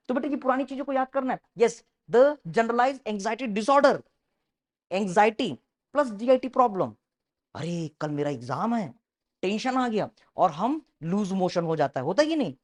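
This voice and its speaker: Slow, emphatic Indian woman teaching. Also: medium pitch, a little mellow. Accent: Indian English. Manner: emphatic, repeats key points, addresses students as "beta". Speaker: medical entrance exam teacher. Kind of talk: online exam-prep lecture mixing Hindi and English.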